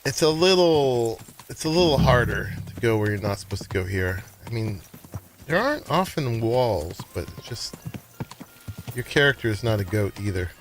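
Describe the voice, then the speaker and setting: Animated man doing casual gameplay commentary. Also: mid-range voice, moderate pace, a little hiss or hum. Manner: chatty, musing aloud. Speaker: gamer commenting on own play.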